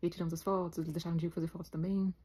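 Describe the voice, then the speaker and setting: A Brazilian woman with a Brazilian Portuguese accent, chatting to her viewers in a rapid, emotional way as she retells her story. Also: fairly low pitch, little pitch movement, warm tone, slightly rough. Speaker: vlogger, new mother.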